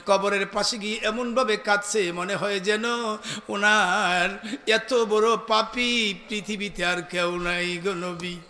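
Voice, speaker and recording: A man preaching a sermon, moving between soft sing-song chanting and loud shouted calls to the crowd. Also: sits high, fairly even intonation, slow, faint music behind. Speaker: Islamic preacher.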